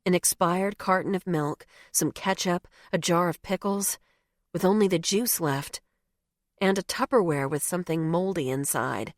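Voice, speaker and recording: Low-voiced woman narrating a romance novel. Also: moderate pace, dry recording, clean studio sound. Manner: wry, conversational first-person telling. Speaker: audiobook narrator. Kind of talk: first-person novel narration.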